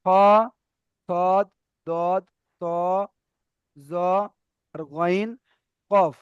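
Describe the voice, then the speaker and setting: A man's voice: high-pitched, steady tone, very slow, clean tone, no room sound, muffled recording. A man teaching Arabic letter reading in an online class, patiently repeating each point and checking that students follow.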